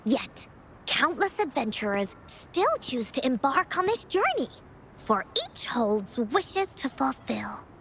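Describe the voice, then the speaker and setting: A woman plays a cheerful little girl narrating adventure stories from a storybook in a video game, delivering them theatrically and with childlike glee. Her high, very animated, somewhat bright voice is exaggerated, slow, and has vocal fry. The low-quality recording carries slight background noise.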